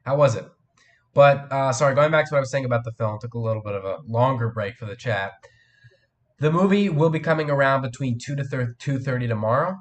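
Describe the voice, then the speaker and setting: A man's voice: mid-range voice, fast talker. A teenage boy with a cold, hosting a live stream and chatting casually with viewers, rambling with many fillers and restarts. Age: teens. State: has a cold, voice cracks.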